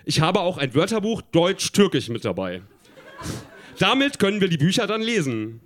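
A man's voice: high voice, sing-song, normal speed. A man voicing a friendly, eager young boy in a chatty everyday tone on a live stage. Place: live stage before an audience.

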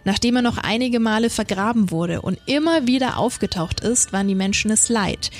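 A woman podcast co-host reading a creepy first-person story aloud in a measured, suspenseful way. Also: a little high.

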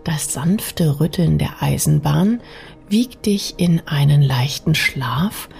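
A woman narrates a bedtime sleep story in a soft, soothing, partly whispery way, speaking intimately to the listener. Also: sits low, takes it slowly, gravelly. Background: music.

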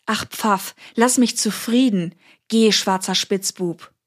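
A woman's voice: medium pitch, slow pace. A woman voicing a possessed young girl who answers a priest with defiant, sullen retorts.

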